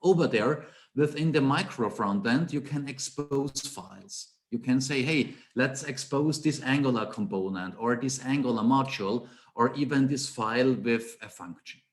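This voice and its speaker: A middle-aged Austrian man with an Austrian German accent speaks in a mid-range voice at normal speed, barely pausing. He's an Angular trainer giving a technical conference talk over a webcam call from a small home office. He explains through rhetorical questions and emphatic repetition.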